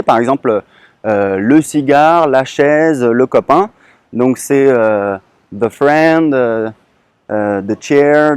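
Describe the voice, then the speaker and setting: A man's voice: medium pitch, darkish tone, clear, resonant tone, dry recording. A man giving a casual lesson outdoors on a beach, speaking informally with many hesitations and restarts. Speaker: online English teacher.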